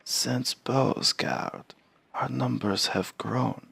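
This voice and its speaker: A man voicing an old male giant scribe, speaking slowly in a soft, half-whispered way. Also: medium pitch, creaky, slightly rough, no echo, pitched above the performer's own voice, heavily acted. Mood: hushed, measured.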